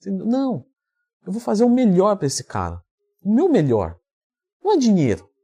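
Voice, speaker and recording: A man from Brazil, a fitness coach and YouTuber, telling a story in a vlog with lively acted-out dialogue. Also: high voice, normal speed, slightly rough. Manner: animated storyteller who acts out quoted dialogue.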